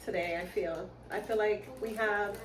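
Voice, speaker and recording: A woman's voice: mid-range voice, steady tone, moderate pace, echoey room, far from the mic, a little hiss or hum. A woman from New York with a New York accent, co-hosting a casual podcast chat, teasing and laughing often. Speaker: podcast co-host.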